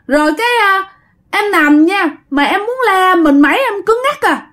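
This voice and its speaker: A woman's voice: very high voice, lively intonation, normal speed, fairly bright tone, pitched above the performer's own voice. A woman with a Southern Vietnamese accent voicing a frightened young boy who pleads in tearful, breathless bursts. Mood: scared, tearful. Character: frightened young boy, crying and stiff with fear.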